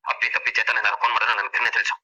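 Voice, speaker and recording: A man voicing a fiercely protective older brother who speaks in forceful, threatening outbursts. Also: fairly low pitch, flat delivery, racing, highs cut off. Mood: reassuring, firm.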